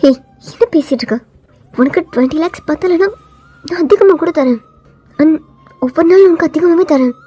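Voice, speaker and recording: A woman's voice: sits high, normal speed, pauses often, dark tone, soft background music, close to an everyday voice. A woman voicing a cold, arrogant young male CEO who talks in a taunting, domineering way. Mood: insistent. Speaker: voiceover artist.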